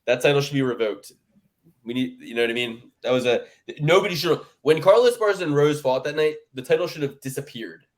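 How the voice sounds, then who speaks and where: A man's voice: mid-range voice, quick pace. A man riffing on a casual sports picks podcast. He rants with energy and drops into mocking impressions of the other hosts. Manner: animated ranting with mocking put-on quotes. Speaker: podcast co-host. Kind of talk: casual sports-betting chat.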